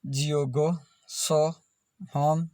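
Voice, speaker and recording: A man's voice: a little high, little pitch movement, extremely slow, mellow, no echo, clean studio sound. A man teaching English pronunciation in a video lesson, spelling words out letter by letter and repeating them.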